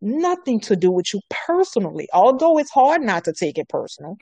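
A woman's voice: mid-range voice, big pitch swings, a little fast, mellow, slightly rough, no echo. A woman on a podcast talking earnestly, repeating her points for emphasis. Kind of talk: casual podcast conversation.

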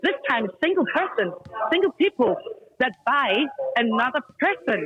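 Her voice is high with big pitch swings and a moderate pace as she speaks as a podcast guest in casual chat. Using English with non-native grammar, she's blunt and emphatic, repeating commands to drive points home. The audio comes over a dry, dull, lo-fi call line.

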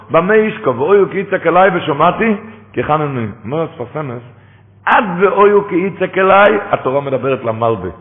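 Gravelly preacher in a tinny, echoing hall. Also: male voice, on the high side. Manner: swings from hushed to loud impassioned outbursts. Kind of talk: sermon on scripture. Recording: tinny phone-like sound with long hall reverb.

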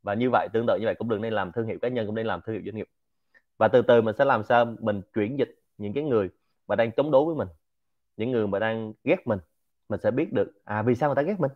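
A man from central Vietnam with a Quảng Nam accent, giving an informal business lecture in an animated, rhetorical way and often asking the audience to agree. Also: lowish voice, quick pace, narrow, tinny audio. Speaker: lecturer and host of a Q&A show.

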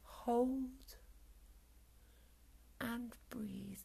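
Whispering woman, very slow. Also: on the high side, vocal fry, husky. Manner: soft whispering, calm and soothing. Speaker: meditation guide. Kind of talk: guided meditation ASMR.

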